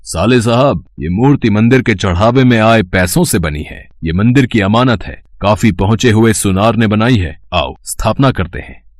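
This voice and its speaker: A man voicing characters in a devotional cartoon, switching between roles with a lively delivery. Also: on the low side, moderate pace, dry recording. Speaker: voice actor for many characters. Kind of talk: cartoon voice acting. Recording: voice-over with faint background music.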